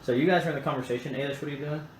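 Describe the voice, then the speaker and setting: A man's voice: fairly high pitch, a little hiss or hum. Man running a tabletop game, echoey room. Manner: relaxed, halting with fillers. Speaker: game master.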